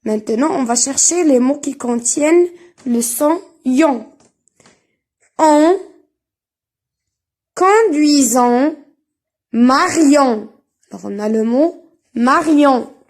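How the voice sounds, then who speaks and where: A woman teaching a reading lesson, speaking slowly and spelling out sounds and syllables one at a time with careful enunciation. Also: high voice, a little mellow.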